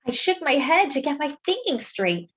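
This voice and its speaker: A high-voiced woman reads aloud to young listeners, narrating a children's story in an expressive, dramatic and deliberate way, as a storyteller.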